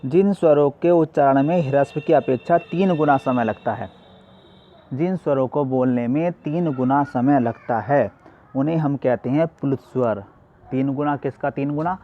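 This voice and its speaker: A man's voice: medium pitch, normal speed, lo-fi sound, a little hiss or hum. A male teacher giving a classroom lesson, asking questions and answering them himself.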